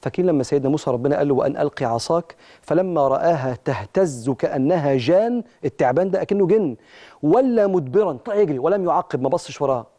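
An Egyptian man hosts a religious motivational broadcast and rattles through his points at high speed. His voice is dark and mellow, and he preaches with emphasis, turning often to his audience. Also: expressive, fast. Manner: preachy, emphatic, addresses listeners directly. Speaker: talk show host. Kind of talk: religious motivational talk on air.

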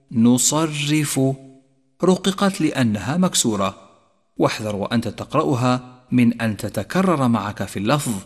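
A man teaching Quran recitation rules, explaining calmly and chanting the examples slowly. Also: mid-range voice. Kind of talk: tajweed lesson with slow recited examples. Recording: long reverb.

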